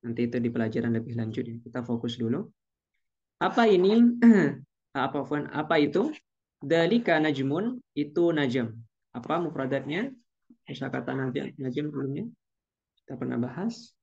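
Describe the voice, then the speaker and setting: A man's voice: mid-range voice, lively intonation, normal speed, gravelly, long pauses, darkish tone, breathy edge, highs cut off. A man teaching an online Arabic class, patiently drawing out each Arabic phrase.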